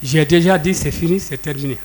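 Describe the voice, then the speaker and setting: Combative high-pitched man testifying. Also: fairly quick, a little mellow. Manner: insistent, combative, talks over questions. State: slightly out of breath. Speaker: trade union leader testifying in court. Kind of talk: courtroom testimony. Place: courtroom.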